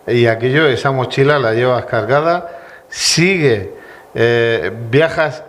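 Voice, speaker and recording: A man's voice: medium pitch, slow, fairly bright tone. A man hosting an interview, prompting his guest and summing up his story back to him. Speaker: interviewer and host. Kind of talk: interview questions.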